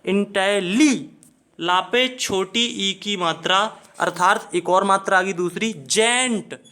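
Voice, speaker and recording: Man, high-pitched voice, English grammar teacher, methodical, repeats key terms, spells words out. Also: unhurried, pushed and bright. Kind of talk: classroom grammar lesson.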